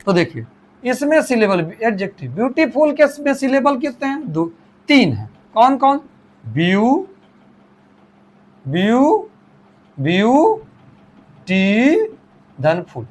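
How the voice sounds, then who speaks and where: A male teacher explaining grammar with a lively, rising and falling voice. He circles back, repeats phrases and restarts sentences. He slows right down to dictate sentences and sound out each part of a word. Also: very high-pitched. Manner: repeats and restarts, slowly spells out words and dictates English sentences. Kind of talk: classroom grammar lesson.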